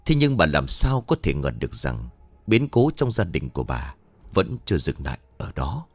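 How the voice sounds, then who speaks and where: A man's voice: very deep voice, wildly swooping pitch, moderate pace, husky, dry recording. A man narrating a scripted horror story in a somber, dramatic way. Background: faint music.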